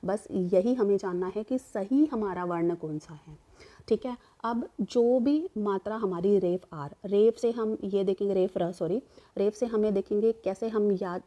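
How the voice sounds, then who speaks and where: A woman's voice: mid-range voice, mellow. A woman teacher giving a grammar lesson, explaining step by step and asking and answering her own questions. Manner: repeats "ठीक है" to check understanding.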